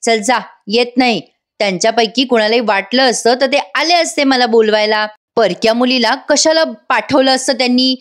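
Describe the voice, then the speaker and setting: A woman's voice: on the high side, normal speed, natural voice. Woman reading as a mocking young villainess. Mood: taunting. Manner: mocking, taunting. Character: scheming young woman villain, sharp-tongued.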